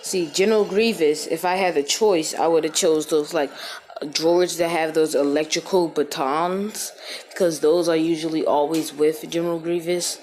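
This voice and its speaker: A woman's voice: low voice, steady tone, moderate pace, a little mellow, slight background noise. Casual woman in an echoey room. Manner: rambling, many fillers and restarts. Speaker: gaming video creator. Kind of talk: casual gameplay voiceover. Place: echoey room, different from usual.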